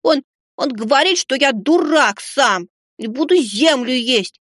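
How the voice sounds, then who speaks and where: A man's voice: very high-pitched, lively intonation, measured pace, a bit bright, no room sound, clean studio sound, voice pushed up, heavily acted. A man voicing a sulky, hurt little aristocratic boy who whines and mumbles. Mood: whiny. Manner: whiny, mumbling.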